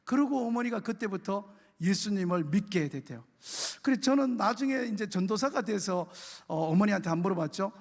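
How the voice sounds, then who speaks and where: A man's voice: high voice, brisk, creaky, few pauses, big-room sound. A male pastor, telling a story in a sermon and acting out the dialogue. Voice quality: animated storytelling with acted dialogue. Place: church.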